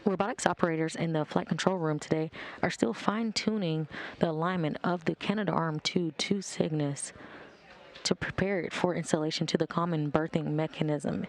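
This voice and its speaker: A man giving live mission control commentary on a spaceflight, explaining in a measured announcing manner. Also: a little high, steady tone.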